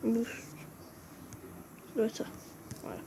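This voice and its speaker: A gaming video creator gives casual commentary over a game clip, speaking extremely slowly and hesitantly as she stumbles over names and corrects them. It's a phone screen recording with background noise.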